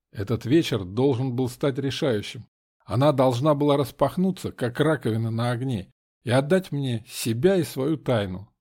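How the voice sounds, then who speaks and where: A man reading a first-person audiobook in a measured, dramatic way. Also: medium pitch, dark tone. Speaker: audiobook narrator.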